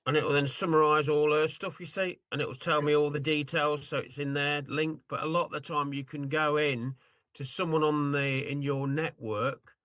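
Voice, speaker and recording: A man's voice: fairly high pitch, steady tone, moderate pace, fairly bright tone, dry recording. A man demonstrating a tool over a video call, talking in a rambling, apologetic way while he searches his screen. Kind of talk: casual screen-share demo on a video call.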